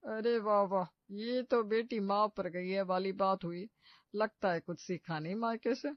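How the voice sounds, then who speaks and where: A woman voicing a gossiping middle-aged neighbor who teases in a slow, drawn-out way, on a dull lo-fi cartoon track. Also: medium pitch, dry recording, close to an everyday voice. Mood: mocking. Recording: dull, dry lo-fi voice-over.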